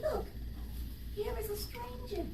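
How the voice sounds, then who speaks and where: A woman's voice: very high voice, steady tone, takes it slowly, pitched above the performer's own voice. A woman reading to young children, voicing a tiny, eager fairy with a tinkling voice in a storybook. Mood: delighted. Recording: roomy, distant mic, faint noise.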